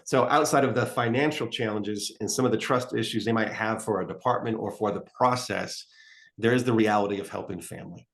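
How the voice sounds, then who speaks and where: Guy on a video call with scratchy corrupted audio cutting out, low gravelly voice, lots of ums. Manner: halting, with many fillers and restarts. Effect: glitchy, scratchy audio cutting out on a video call. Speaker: treatment program representative. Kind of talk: presentation over a video call.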